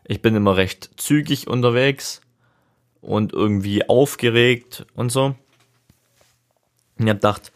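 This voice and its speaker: Seated and leaning back in a chair, a young podcast host talks casually on his solo show, thinking aloud in a loose, rambling, reflective way. His mid-range voice is unhurried and he pauses often.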